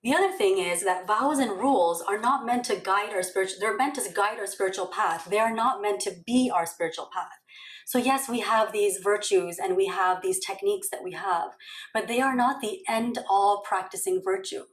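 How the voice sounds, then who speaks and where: A woman's voice: mid-range voice, moderate pace. Woman, meditation teacher, casual storytelling tone, echoey room. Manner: chatty, many fillers and "okay? right?" check-ins. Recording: roomy echo.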